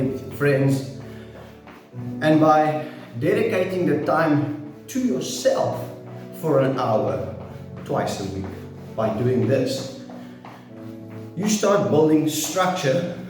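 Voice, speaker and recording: A man in his forties giving an earnest, preaching talk to camera about training and faith, with loose pauses and restarts. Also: mid-range voice, far from the mic. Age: 40s. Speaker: fitness and faith vlogger. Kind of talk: motivational monologue to camera. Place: small bare home training room with rubber mats. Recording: very echoey room, voice off-mic, music behind.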